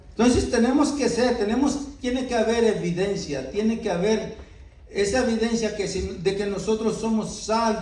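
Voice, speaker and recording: A man's voice: high voice, darkish tone, far from the mic. A middle-aged man preaching a sermon in earnest, often asking his listeners "¿verdad?". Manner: earnest, many rhetorical "¿verdad?" asides. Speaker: pastor. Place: church. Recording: echoey church hall, voice from off-mic.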